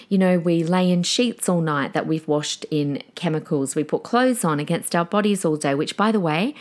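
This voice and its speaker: A woman hosting her own podcast in a chatty, emphatic way, talking straight to her listeners. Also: on the low side. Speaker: podcast host. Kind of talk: casual solo podcast chat.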